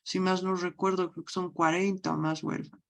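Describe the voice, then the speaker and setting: A woman's voice: fairly low pitch, little pitch movement, normal speed, gravelly. Woman teaching, stressing question words. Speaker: university language teacher. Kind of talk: online class lecture.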